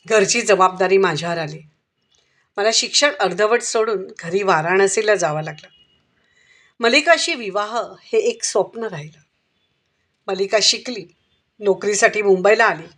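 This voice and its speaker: A woman's voice: medium pitch, a bit bright. A woman voicing a frightened young male suspect who pleads and confesses in a storybook reading.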